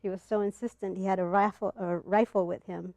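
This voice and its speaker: A middle-aged woman from Ethiopia telling a personal story to a live audience, earnest and halting, with pauses and fillers, on a clip-on mic. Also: medium pitch, flat delivery, a little mellow, no room sound. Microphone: clip-on mic, not in front of the face.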